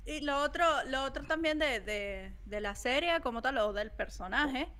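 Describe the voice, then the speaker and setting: A woman co-hosting a casual chat about a TV series, animated and given to quoting her own reactions. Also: high-pitched, moderate pace. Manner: animated, laughing asides and quoted exclamations. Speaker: co-host.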